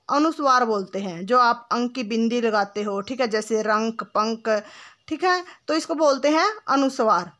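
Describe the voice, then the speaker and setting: A woman with a high, slightly bright voice explains Hindi grammar in a classroom lesson. Patient and instructive, she poses questions and answers them herself, often adding "ठीक है" and calling the listener "बेटा".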